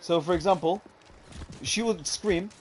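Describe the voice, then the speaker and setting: A man's voice: sits high, unhurried, a little mellow, slight background noise. A young man casually telling a long story about an online game, rambling with lots of fillers and calling the listener "bro". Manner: rambling, fillers like "what's it called", says "bro".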